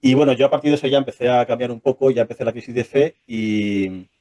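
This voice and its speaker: Fast-talking man with a mellow voice. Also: medium pitch. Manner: fast, animated, full of restarts and rhetorical questions. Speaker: interview guest, former church member. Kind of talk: casual conversational interview.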